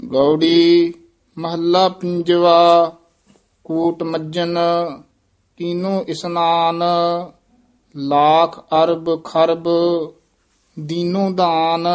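A man teaching scripture recitation, correcting pronunciation and patiently modelling each word. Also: on the high side.

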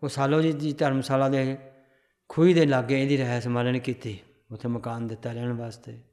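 A man teaching a religious class, calmly explaining scripture and its history. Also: medium pitch. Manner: recites verses slowly in a chanting tune, then explains calmly.

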